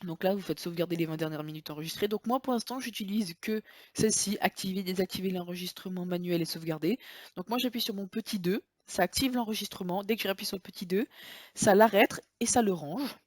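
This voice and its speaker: A woman's voice: medium pitch, fast, dry recording. A woman talking through a screen-recording tutorial in a casual, chatty way, often hesitating and correcting herself. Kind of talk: casual software tutorial walkthrough.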